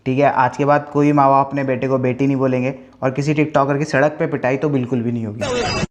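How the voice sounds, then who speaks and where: A man's voice: medium pitch, flat delivery, quick pace, a little hiss or hum. A man from Dehradun giving crude, mocking roast commentary full of swearing. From Dehradun, India.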